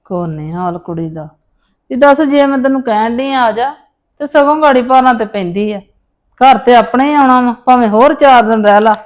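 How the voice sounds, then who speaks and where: In a family serial, a woman plays a demanding, fretful mother-in-law who grumbles through a dramatic monologue and a phone conversation. Her voice is high-pitched, brisk and natural.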